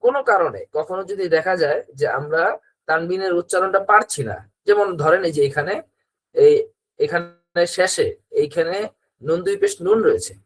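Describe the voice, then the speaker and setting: A man's voice: high-pitched, very animated, normal speed. A man with a Bangladeshi Bengali accent teaching Quran reading in an online class over a video call, patiently repeating drills for students to echo.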